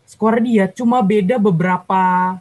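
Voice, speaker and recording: A young man with a voice pitched a little high. He tells his own story in casual slang, with lively, heartfelt energy. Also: a little slow, low-quality recording. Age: young adult. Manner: lively, slangy, emotional retelling. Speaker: youth sharing a testimony.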